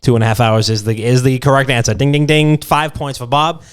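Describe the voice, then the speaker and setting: On a casual comedy podcast, a young co-host tells joking, swear-heavy stories. He talks a little fast at medium pitch, his intonation fairly even.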